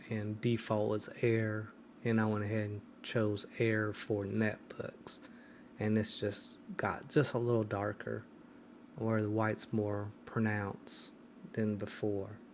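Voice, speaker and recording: A man's voice: on the low side, a little mellow, a little hiss or hum. A man hosting a casual screen-recorded tech tutorial, hesitant and full of ums and restarts. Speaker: tech video host.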